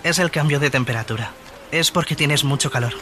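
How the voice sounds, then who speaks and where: A man's voice: on the high side, a little fast, over music, close to an everyday voice. An actor playing a polite, reserved young man from Catalonia in naturalistic film dialogue. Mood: shy, agreeable.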